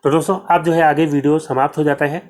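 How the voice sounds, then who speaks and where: Here a man talks fast in a fairly high voice with little pitch movement, his Hindi accent clear as he teaches an exam-prep grammar lesson. He breaks things down step by step, answers his own questions, and repeats "ठीक है" often.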